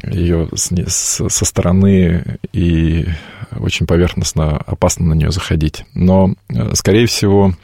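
Deep gravelly-voiced guy, late 40s, kinda husky, thinking out loud in an interview. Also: steady tone, measured pace, dry recording, studio quality. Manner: thoughtful, searching for words, breaks off and restarts. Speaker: guest. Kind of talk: reflective interview answers.

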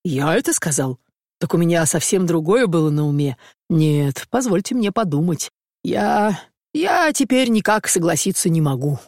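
A woman's voice: lowish voice, sing-song, normal speed, darkish tone, no room sound, clean studio sound. A woman voicing a fussy, evasive provincial landowner who grows flustered and meek.

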